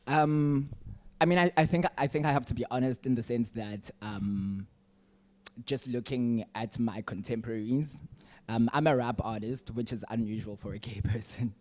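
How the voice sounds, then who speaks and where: A man's voice: medium pitch, normal speed, a little mellow. A man who is a rap artist, speaking candidly on a panel and starting hesitantly. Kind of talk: panel discussion.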